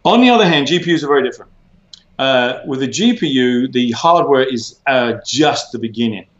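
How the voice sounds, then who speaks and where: Male guest in a casual interview, measured explainer, lots of ums, mid-pitched, roomy dull lo-fi sound. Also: lively intonation. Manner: measured, explanatory, many fillers and restarts. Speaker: interview guest, former tech executive. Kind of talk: conversational interview.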